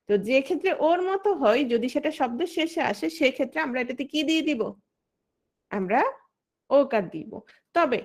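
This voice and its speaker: In an online exam-prep lesson, a woman teacher who sounds about thirty speaks in a bright, high voice. She lays out rules step by step, answers the questions she raises, and calls on particular students by name.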